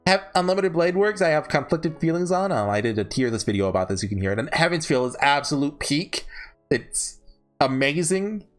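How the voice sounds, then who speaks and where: With background music behind him, a man ranks visual novels in casual, off-the-cuff commentary full of emphatic, enthusiastic fan opinions, rambling and frequently backtracking mid-sentence. His voice is a little high and sing-song, moving a little fast.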